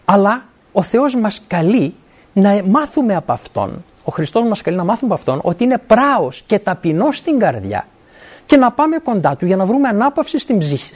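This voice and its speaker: A middle-aged university academic gives a sermon in a slightly rough voice, the pitch moving up and down in wide, animated swings. His delivery is earnest and plain, with frequent "right?" pauses to confirm listeners follow and scripture quoted as he goes.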